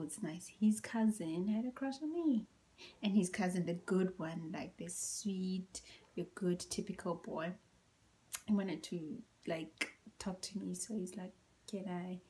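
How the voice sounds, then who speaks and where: Her voice deep and tired from exercising, a young woman vlogs a story with casual energy. She performs the quotes and throws in whispered asides.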